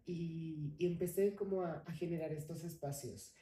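A woman's voice: low-pitched, steady tone, normal speed, dark tone. A young adult woman from Colombia, telling her story expressively as a podcast guest in a casual interview. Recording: roomy, slightly distant mic.

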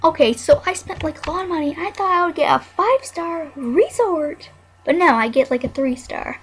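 A woman's voice: extremely high pitch, lively intonation, moderate pace, slight background noise. A young woman chatting casually while playing a life simulation game, scolding her barking dog now and then, with keyboard clicks behind her. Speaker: gameplay narrator.

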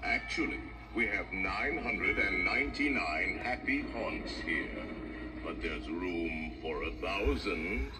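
A man playing a ghoulish, mock-polite ghost who guides visitors through a haunted mansion, speaking slowly and sometimes whispering. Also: sits low, expressive. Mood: mock-genial. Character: sinister, genial male ghost host of a haunted mansion. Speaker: narrator and guide. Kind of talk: theme-park ride narration. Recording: distant voice under loud spooky music.

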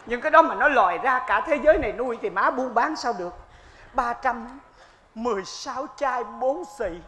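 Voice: medium pitch, lively intonation, normal speed, a bit bright, lightly acted. Performer doing a panicky henpecked husband. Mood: flustered. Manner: flustered, yelping, pleading. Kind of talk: stage comedy acting.

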